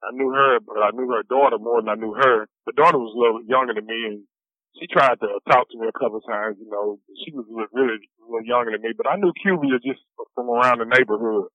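A man speaks over a thin, phone-like payphone line, his voice pinched and narrow with no room around it. He rambles softly and lets his sentences trail off, calling collect from prison. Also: mid-range voice, fast talker, no echo. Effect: heard over a prison payphone line. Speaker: incarcerated caller on a collect call. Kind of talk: casual phone conversation. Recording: tinny dry phone line.

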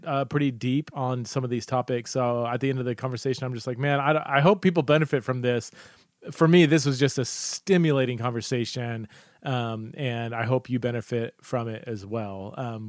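A man's voice: medium pitch, no room sound, studio quality. A man hosting a podcast, chatting casually and enthusiastically, rambling with fillers and restarts. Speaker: podcast host. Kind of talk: casual podcast intro and interview.

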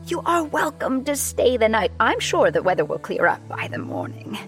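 A woman voicing a lively, welcoming hostess. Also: a little high, normal speed. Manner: soft, welcoming and hospitable. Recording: music playing underneath.

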